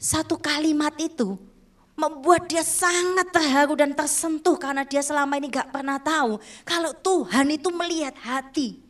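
A woman preaching a sermon, telling a moving testimony and calling out to her listeners, shifting from loud emphatic lines to soft hushed ones. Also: high voice, normal speed. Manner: emotional storytelling, repeatedly addressing listeners as "saudaraku".

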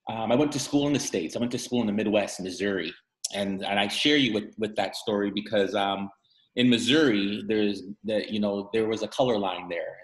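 A middle-aged man from Guyana, a guest speaking candidly and emphatically over a video call, his voice climbing sharply when he gets angry. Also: lowish voice. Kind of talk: candid interview conversation. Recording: echoey room over a call.

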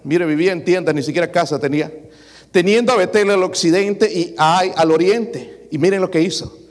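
A man's voice: high-pitched, normal speed, in a large hall. A man preaching a sermon as pastor, asking the congregation rhetorical questions.

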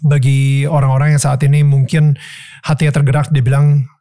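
A man's voice: mid-range voice, little pitch movement, normal speed, warm tone, no echo, clean studio sound. A man hosting an interview, mostly giving short affirming replies. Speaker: host. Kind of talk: interview chat.

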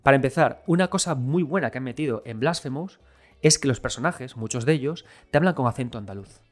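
A man's voice: mid-range voice, lively intonation, fairly quick, faint music behind. Enthusiastic Spanish game commentator man. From Galicia, Spain. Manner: enthusiastic, conversational, addresses viewers directly. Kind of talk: casual spoken game review.

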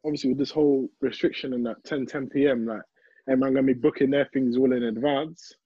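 A man's voice: medium pitch, expressive, quick pace, vocal fry, husky, no echo, muffled recording. A young man with a London roadman accent, chatting casually with friends in heavy street slang and repeating himself for emphasis. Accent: London, urban roadman. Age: young adult. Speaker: podcast co-host. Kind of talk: casual banter among friends.

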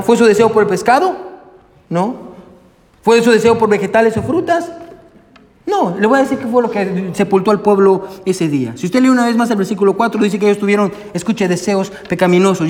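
A male pastor preaching a sermon, emphatic and full of rhetorical questions, often adding "amen". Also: sits high. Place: church sanctuary. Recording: echoey church hall with long reverb.

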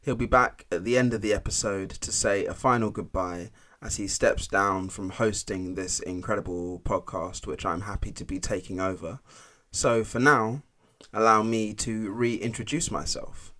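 A man's voice: lowish voice, normal speed, pushed and bright. A man who drops his T's, presenting a scripted podcast introduction as its playful host.

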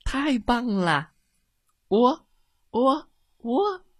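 A woman voicing an eager young male turkey in a storybook, coaxing and pleading in a raised, bright voice. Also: wildly swooping pitch, slow, husky, dry recording, studio quality, full character voice. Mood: overjoyed. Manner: bright, coaxing, higher than narration.

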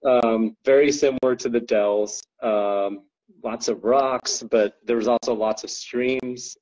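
A man's voice: medium pitch, steady tone, slow pace, darkish tone, highs cut off. A man chatting as a podcast guest, rambling with lots of ums and likes and frequent laughs. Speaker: guest co-owner describing an ultra race. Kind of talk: casual podcast chat.

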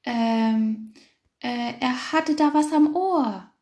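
A woman's voice: on the high side, very slow, darkish tone, roomy sound. A woman voicing a sly, hungry fox that fibs and hesitates, in a storybook reading. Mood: fumbling. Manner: hesitant, fibbing.

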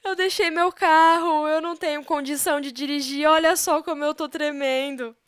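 A woman's voice: high-pitched, animated, moderate pace, bright, forceful tone, dry recording, studio quality, pitched above the performer's own voice. A woman playing a trembling, stammering architect. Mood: distraught. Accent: Brazilian Portuguese. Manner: tearful, trembling, stammering pleas. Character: distraught Brazilian architect woman, lying, shaken.

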